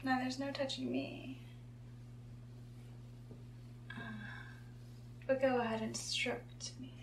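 A woman playing a seductive, teasing temptress in an ASMR role-play, coaxing in a breathy tempting soft voice. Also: high voice, level tone, normal speed. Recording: echoey room, clear background noise.

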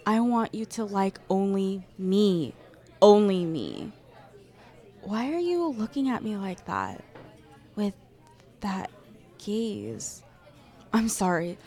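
A young woman voicing a jealous girl who confesses her feelings to a friend, speaking softly and intimately to the listener. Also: medium pitch, very animated, slow, pauses often. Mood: shy, affectionate. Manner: soft, intimate, addressing the listener directly. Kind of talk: audio roleplay to a listener.

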